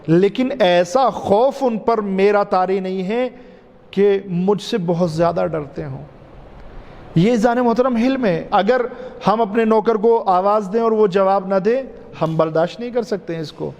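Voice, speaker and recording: A man, a cleric giving a majlis sermon, repeating key phrases in a drawn-out, emphatic way and calling his listeners dear ones. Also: high voice, a little mellow. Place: mosque. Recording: reverberant mosque hall, faint ambience.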